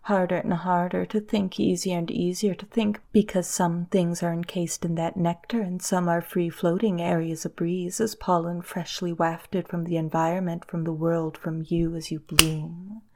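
A woman softly guiding a hypnosis in a lulling, breathy voice that often drops to a whisper, close in the listener's ear. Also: lowish voice, little pitch movement. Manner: slow, soothing, lulling delivery. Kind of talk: whispered guided hypnosis, ASMR.

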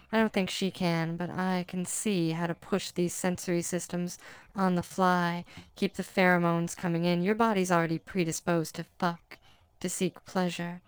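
A woman's voice: on the low side, clean tone, dry recording, close to an everyday voice. Woman playing a smug teasing succubus. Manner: teasing, languid, commanding, soft-spoken. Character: dominant, playful female succubus demon, smug. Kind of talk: erotic audio roleplay.

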